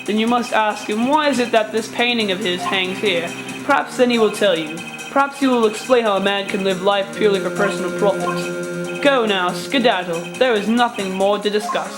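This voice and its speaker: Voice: mid-range voice, moderate pace, music in the background, lightly acted. A performer voicing a smug, menacing male company boss in a video game, grandiose and condescending. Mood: smug, threatening. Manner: grandiose, condescending, showy wording.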